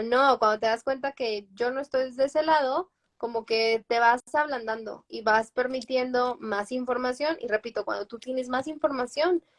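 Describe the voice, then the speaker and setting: Higher-voiced woman explaining by example. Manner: explains through personal examples, frequent tag questions. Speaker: psychologist guest. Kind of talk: live-stream advice talk.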